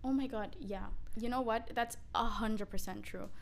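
A woman's voice: on the high side, normal speed, a little hiss or hum. A young woman co-hosting a casual podcast, teasing and laughing often. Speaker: podcast co-host.

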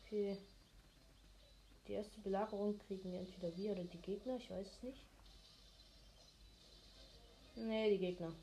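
A woman giving casual, low-key, mildly grumbling commentary on her own gameplay. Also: fairly even intonation, brisk, dark tone, a little hiss or hum. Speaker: gamer commentating own play.

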